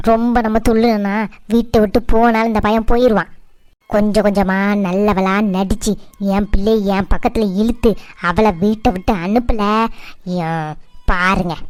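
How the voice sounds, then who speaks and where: A woman's voice: mid-range voice, fairly even intonation, moderate pace, a little mellow, dry recording, close to an everyday voice. A woman playing a scheming, middle-aged Tamil mother-in-law in a cartoon family drama, nagging and complaining in a southern Tamil Nadu accent. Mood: bitter, scheming.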